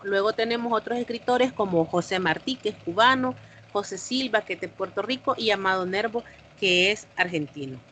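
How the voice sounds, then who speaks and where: A woman's voice: medium pitch, bright, forceful tone, a little hiss or hum. A woman teacher explains the lesson to her online class and stops to put questions to them.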